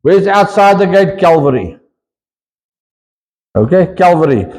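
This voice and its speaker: A man with a South African accent preaching a sermon as pastor, mixing English and Afrikaans in an animated, conversational way. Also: sits high, measured pace, big-room sound, poor audio. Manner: switches between English and Afrikaans mid-sentence, animated. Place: church.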